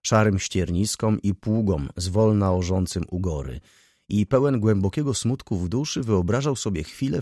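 A man narrating an audiobook chapter with an expressive, measured reading. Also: low-pitched, no echo, studio quality. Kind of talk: scripted narration.

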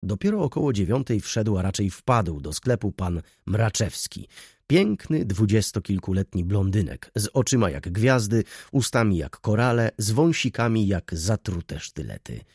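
A man narrating an audiobook with expressive storytelling. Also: lowish voice, moderate pace, breathy edge, dry recording, clean studio sound.

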